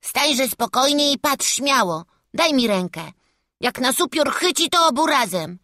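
A woman voicing a cheeky, brave peasant boy apprentice in an audiobook, bold and quick to protest. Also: high-pitched, lively intonation, pushed and bright, dry recording, studio quality, full character voice. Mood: teasing, brave. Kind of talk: audiobook character voice.

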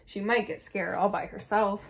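A woman voicing a small, impatient, boastful boy chick in a read-aloud storybook, with an eager, high, excited manner. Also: moderate pace, creaky, slight background noise, close to an everyday voice. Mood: stubborn.

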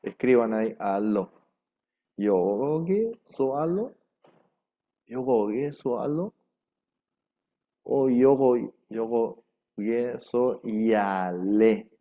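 Man, language teacher, slow careful dictation, repeats words, muffled lo-fi recording. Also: mid-range voice, expressive. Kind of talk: slow repetitive language class. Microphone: microphone. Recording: dull lo-fi room microphone.

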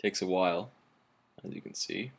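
Low-voiced young man chatting through a demo. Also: expressive, moderate pace, gravelly. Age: 20s. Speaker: gadget reviewer. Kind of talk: casual demo chat to camera. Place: small room at home, indoors. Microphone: webcam at arm's length.

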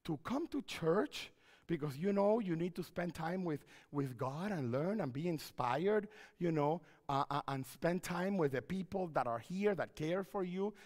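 A middle-aged pastor speaks with a high voice that rises and falls widely, often repeating himself as he paces. He wears a headset mic on a church stage. The sanctuary adds a long reverb to his words. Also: a little slow. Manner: animated, repeats phrases, wide hand gestures while pacing. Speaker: pastor and counselor giving a seminar. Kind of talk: seminar talk in church.

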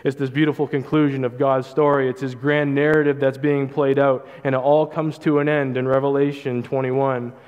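A young man preaching a sermon as pastor, in a measured, earnest delivery with emphatic repetition. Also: mid-range voice, level tone, clear, resonant tone. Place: church stage, large hall. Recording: hall reverb, dull lo-fi sound.

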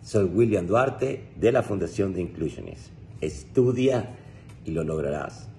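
A man's voice: deep voice, lively intonation, slow pace, warm tone, slight background noise. A man giving a short encouraging greeting for an English course. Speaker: foundation representative.

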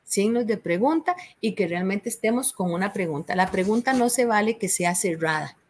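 There's slight background noise as a woman with a Costa Rican Spanish accent, working as a university tutor, patiently goes over a course assignment. Her mid-range voice moves at a moderate pace with lively intonation, and she keeps checking in with "¿verdad?".

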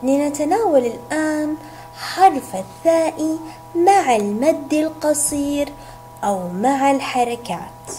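Woman teacher, high mellow voice, unhurried children's phonics lesson, soft music underneath. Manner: drawn-out repetition of sounds and words. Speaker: kindergarten teacher. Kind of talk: slow, clearly articulated phonics lesson for young children.

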